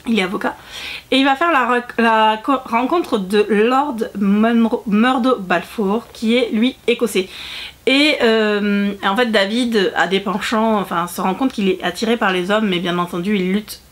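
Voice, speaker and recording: A woman book vlogger talks casually to her viewers at a measured pace in a medium-pitched voice. She's chatty, with frequent fillers, restarts and self-corrections as she speaks to camera.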